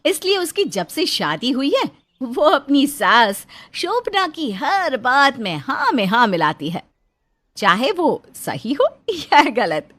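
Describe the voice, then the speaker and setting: A woman narrating a cartoon story in a lively, storytelling manner. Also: high-pitched, takes it slowly.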